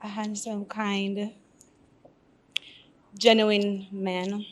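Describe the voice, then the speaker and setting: A woman's voice: mid-range voice, flat delivery, extremely slow. A woman, answering briefly and casually as a dating show contestant.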